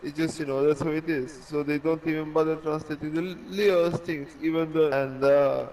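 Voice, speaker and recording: A man's voice: on the high side, fairly even intonation, fairly quick, darkish tone, far from the mic, a little hiss or hum, low-quality recording. A man with a Hungarian accent, chatting casually as a podcast co-host and rambling with many restarts and fillers. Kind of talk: casual chat.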